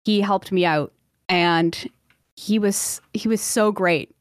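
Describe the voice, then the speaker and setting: An opera singer appears as a guest in a casual interview, chatting in a mid-range voice at a slow pace. She is chatty, laughs easily, and fills her speech with lots of "like" and "um." The recording is dry.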